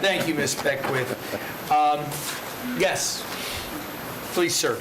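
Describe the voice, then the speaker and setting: A man's voice: a little high, slow pace. A man chairs a formal public meeting with a courteous, procedural manner, calling up speakers. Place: indoor public meeting chamber. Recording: echoey meeting room with clear background noise.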